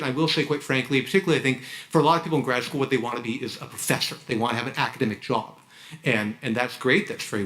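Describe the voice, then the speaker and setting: At a university orientation hall, a man with a medium-pitched, somewhat bright voice gives new graduate students frank advice, often repeating himself and restarting sentences. The audio quality is poor.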